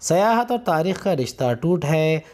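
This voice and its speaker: Speaking a little high with big pitch swings, a darkish tone and a moderate pace, this man reads textbook questions and answers aloud. He's a school teacher, instructing point by point and announcing numbered points.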